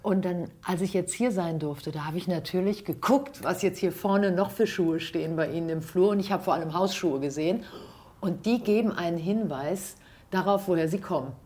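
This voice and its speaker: A woman's voice: fairly low pitch, moderate pace, a little mellow. A woman from Hesse hosting a podcast, chatting with a guest in his home and asking curious follow-up questions. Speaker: podcast host. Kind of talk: casual interview.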